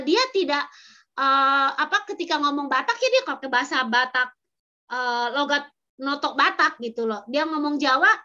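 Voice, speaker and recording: A woman teacher with a Sundanese accent, talking casually and haltingly to fellow teachers, full of fillers and restarts. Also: sits high, sharp tone, highs cut off. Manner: rambling and hesitant, many fillers and restarts. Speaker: Japanese language teacher. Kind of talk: casual sharing in a teacher training session.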